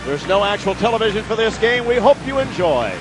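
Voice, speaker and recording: A man announcing a college basketball game play-by-play, calling the action in rapid, clipped bursts. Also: high voice, big pitch swings, over music, poor audio. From Midwest US.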